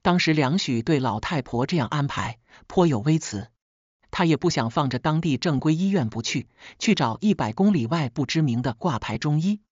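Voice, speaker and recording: Husky woman telling a dramatic story. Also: deep voice, expressive, moderate pace, darkish tone, no room sound. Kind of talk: first-person scripted narration of a family drama. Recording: slightly dull, dry lo-fi recording.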